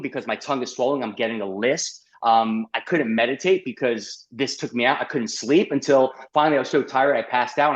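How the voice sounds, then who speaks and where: Middle-aged man, doctor guest, animated storytelling, mid-pitched, lo-fi sound. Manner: animated, uses many fillers and "like". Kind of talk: podcast interview storytelling.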